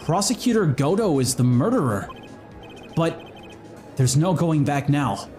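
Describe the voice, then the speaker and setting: Brief: animated male let's-play host, playful, a touch high. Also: a little slow, soft background music. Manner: animated, joking, reads dialogue aloud. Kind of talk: playful game commentary and voicing.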